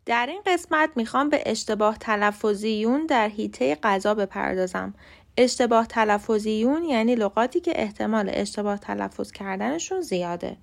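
A woman hosting a short podcast lesson on English pronunciation, reading from a script and slowly spelling words out letter by letter; her first language is Persian. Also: a little high, lively intonation, creaky.

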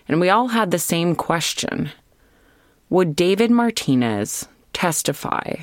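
An American woman hosting and narrating a scripted true-crime podcast in a measured storytelling way with deliberate pauses. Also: sits low, dry recording, studio quality.

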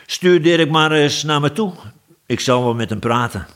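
A man's voice: a little high, lively intonation, normal speed, fairly bright tone, pitched above the performer's own voice. A man voicing a self-important male dwarf king in a storybook, speaking in a pompous, blustering way. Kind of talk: storybook reading.

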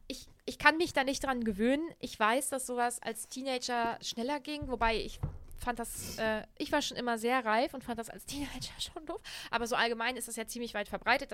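With a fairly bright voice on the high side, a young woman co-hosting a podcast gives a chatty, filler-heavy retelling of a book chapter during a casual book chat. A little hiss or hum can be heard.

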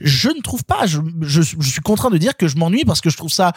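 A man critiquing a film in casual conversation, animated and exasperated. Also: on the high side, husky, no echo, studio quality. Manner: animated, exasperated, quick-talking. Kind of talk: casual film review chat.

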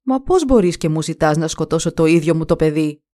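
A weary old king torn by guilt, as a woman voices him. His voice is lower and heavy, and he talks with hesitation like a reluctant father in a storybook. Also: expressive, warm tone. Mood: bewildered.

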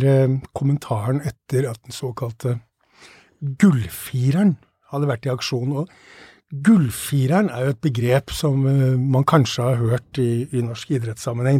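Mellow husky guy, studio guest explaining old sports history, kinda halting, chatty. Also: mid-range voice, no echo.

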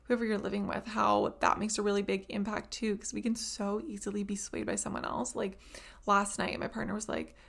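Woman podcast host, casual rambling chat, mid-range voice with gravelly fry. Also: mid-range voice, level tone, a little fast, a bit bright. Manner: chatty, rambling, lots of "like".

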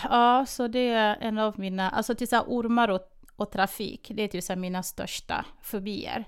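A woman's voice: medium pitch, fairly even intonation, clear, resonant tone. A woman in her thirties co-hosting a podcast, telling a story in casual chat and acting out the quoted dialogue with animation. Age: 30s. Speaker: podcast co-host.

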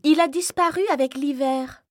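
A woman's voice: moderate pace, no room sound, studio quality, lightly acted. A woman doing a brave, earnest little girl. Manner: bright, high and earnest. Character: brave little girl searching for her friend.

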